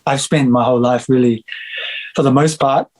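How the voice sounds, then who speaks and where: A man's voice: mid-range voice, steady tone, moderate pace, a little mellow, poor audio. A middle-aged Australian man from Victoria, chatting casually about his music in an interview, with many fillers and restarts. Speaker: musician and music teacher, guest.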